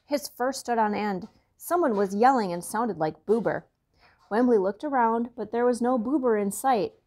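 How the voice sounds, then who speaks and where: A woman reading a children's storybook aloud to young listeners, chatty and expressive. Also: on the high side, moderate pace.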